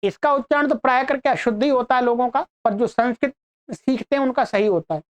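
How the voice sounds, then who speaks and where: A woman teaching an online pronunciation lesson, saying each sound slowly and repeating it many times for learners to copy. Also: a little high. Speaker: Sanskrit teacher.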